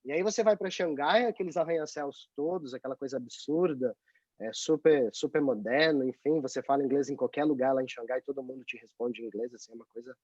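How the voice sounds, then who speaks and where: A man's voice: medium pitch, quick pace, husky, no room sound. Chatty Brazilian man on a dull call. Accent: Brazilian Portuguese. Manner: chatty, tag questions, animated. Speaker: guest, journalist abroad. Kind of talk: casual interview over video call. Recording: dry, dull lo-fi call audio.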